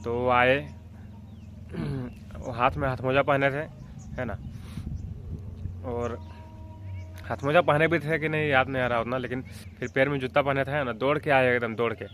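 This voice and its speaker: A young man from Jharkhand, India, vlogging a casual childhood story in a rambling way, often checking in with the listener and clearing his throat. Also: mid-range voice, steady tone, normal speed, long pauses, fairly bright tone, a little hiss or hum. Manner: rambling, with frequent filler checks like "theek hai" and "hai na".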